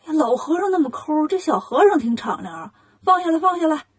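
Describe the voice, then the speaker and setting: A woman's voice: high-pitched, big pitch swings, fast. A woman doing greedy, blustering bandits.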